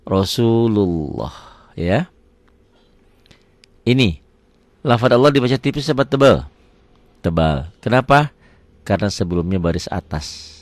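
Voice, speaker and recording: Deep-voiced man teaching Quran recitation. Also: animated, measured pace, pauses often, dry recording. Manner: patient, repeats and demonstrates words aloud; asks the class questions and answers them himself. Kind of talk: tajwid lesson.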